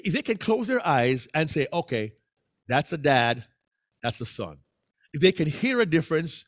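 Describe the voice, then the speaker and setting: Animated man teaching speaking. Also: fairly high pitch. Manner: animated, acts out voices. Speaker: workshop presenter. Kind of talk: public speaking workshop talk.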